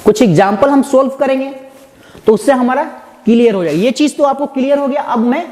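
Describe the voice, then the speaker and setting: In an echoey hall with faint background noise, a man with a very high, slightly mellow voice talks a little fast. He teaches an explanatory English grammar lesson, asking his listeners questions and answering them himself, calling them "my dear friend."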